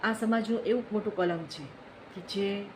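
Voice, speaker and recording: A woman's voice: mid-range voice, moderate pace, slight background noise, poor audio. Earnest woman giving a moral talk. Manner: earnest, repeats phrases for emphasis. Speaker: speaker on social issues. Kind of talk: reflective moral talk with stories.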